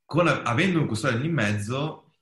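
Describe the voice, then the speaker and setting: A man co-hosting a casual panel podcast, explaining technical points at length, halting and restarting as he goes. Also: medium pitch, lively intonation, roomy sound. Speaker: podcast co-host explaining crypto.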